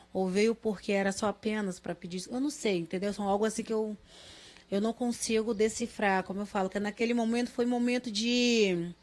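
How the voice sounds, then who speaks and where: Woman in her 30s, mother, interview testimony, halting delivery with repeated words, acts out quoted lines. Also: medium pitch, a little mellow.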